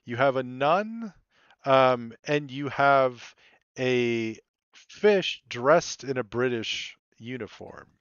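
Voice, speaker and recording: A man game master speaks slowly in a smooth, clear voice, pausing often with ums and uhs. The sound is dry and a bit dull, like a modest home mic. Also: mid-range voice, lively intonation, fairly bright tone, no echo. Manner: measured, with frequent ums and uhs. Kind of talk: tabletop role-play narration and character voicing.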